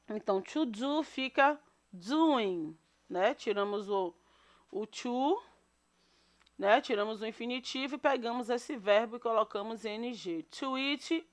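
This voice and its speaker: A female English teacher with a slightly high voice leads a recorded grammar lesson. She patiently repeats every example and checks in with her students after each point.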